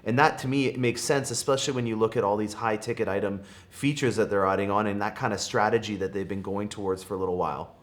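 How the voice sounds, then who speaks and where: A man's voice: lowish voice, fairly even intonation, fast, few pauses. A young man with a Canadian accent hosting a car channel, chatting upbeat with fillers and restarts. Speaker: host, car dealership vlogger. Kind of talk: casual car talk.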